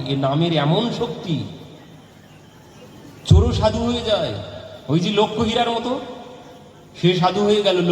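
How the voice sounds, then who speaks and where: A man's voice: sits high, darkish tone. A man giving a devotional sermon as a Bhagavata preacher. He repeats his lines for emphasis and asks rhetorical questions. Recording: echoey hall with faint background noise.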